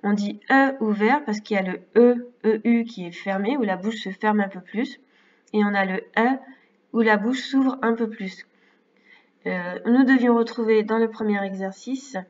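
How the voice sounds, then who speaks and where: A woman's voice: medium pitch, darkish tone. French schoolteacher woman, patient step-by-step correction, dull distant recording. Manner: slow, careful, explains step by step. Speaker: primary school teacher. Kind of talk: correcting exercises for young pupils. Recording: distant, slightly dull mic.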